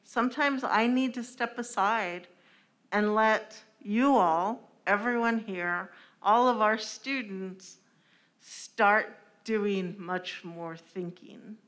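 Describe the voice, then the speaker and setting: Slow-paced woman speaking through a face mask. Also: medium pitch, a bit bright. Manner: deliberate, measured phrasing. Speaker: panel speaker, scholar. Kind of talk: reflective panel discussion. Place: large event room, indoors. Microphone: microphone on a table stand.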